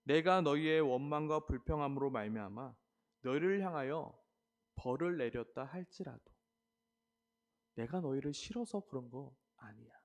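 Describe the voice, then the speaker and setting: God as a tender pleading father, voiced by a male preacher, mid-pitched, hushed at times. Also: lively intonation, moderate pace, lightly acted. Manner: pleading, tender, dropping to a hush. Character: God speaking tenderly to his children.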